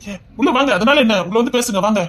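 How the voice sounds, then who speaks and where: A performer voicing a calm, gentle grown man with a Tirunelveli Tamil accent, speaking soothingly to his wife. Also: medium pitch, quick pace, voice pushed down, close to an everyday voice. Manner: soothing, coaxing.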